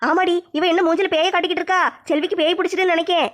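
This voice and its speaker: A woman's voice: very high-pitched, steady tone, very fast, voice pushed down. A woman plays a skittish old grandmother from a village comedy skit. She talks, with an alarmed, gossipy bite to every remark.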